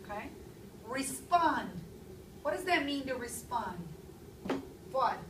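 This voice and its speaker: A woman in her thirties teaching a classroom language lesson, speaking clearly and stressing key words. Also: high voice, expressive, takes it slowly, noisy background. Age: 30s. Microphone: far camera. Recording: echoey classroom from far off.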